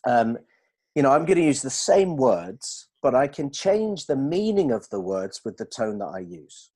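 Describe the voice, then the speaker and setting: A middle-aged man talking as a communication trainer, steady and explanatory. His voice sits at an ordinary middle pitch, and he keeps a teaching manner as he talks. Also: normal speed. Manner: steady, explanatory, demonstrates tones of voice. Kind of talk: explanatory discussion.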